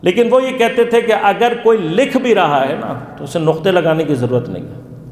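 A man teaching an interactive religious lesson to a class. He poses questions to his listeners and then answers them himself. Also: high-pitched. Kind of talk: interactive lecture. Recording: echoey hall with long reverb.

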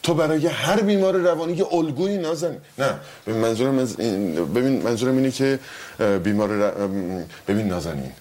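A man's voice: mid-range voice, hardly any pauses, a little mellow, close to an everyday voice. An actor playing a husband who awkwardly backpedals while trying to reassure his wife in a sitcom. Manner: fumbling, backpedaling. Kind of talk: sitcom acting.

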